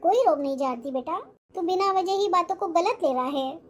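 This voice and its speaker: Woman doing a patient old mother-in-law, soothing, placating, very high voice, cartoon drama. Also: lively intonation, a little fast, noisy background.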